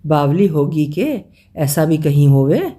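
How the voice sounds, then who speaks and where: A woman's voice: low-pitched, big pitch swings, slow pace, warm tone, exaggerated voice. A reader voicing a teasing young queen who keeps dodging a question. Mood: coy. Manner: coy, giggling evasion.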